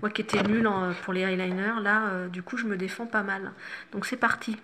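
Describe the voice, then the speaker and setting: A woman's voice: mid-range voice, fairly even intonation, brisk, a bit bright. A middle-aged woman talking viewers through a makeup tutorial, chatty and instructive, with self-mocking asides. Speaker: makeup vlogger.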